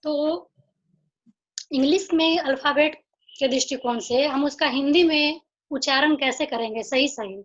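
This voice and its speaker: Female teacher, high voice, unhurried; drills letter sounds one by one over a dull video-call line. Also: a bit bright. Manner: slow, repeating each sound deliberately. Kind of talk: online phonics lesson.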